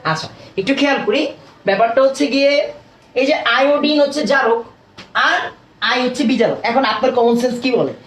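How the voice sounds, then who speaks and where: A young male chemistry teacher runs a live online class. He rattles along at a brisk clip, keeps checking in with questions to his students, and his voice sounds a little roomy. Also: very high-pitched, animated, fairly bright tone. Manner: quick, chatty, keeps prompting students with questions. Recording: roomy echo.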